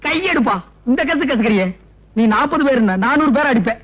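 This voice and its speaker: A timid, fussy train passenger, whining and talking fast in a comic way. His voice is very high for a man. The sound is dull, like an old film track. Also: lively intonation, fairly bright tone.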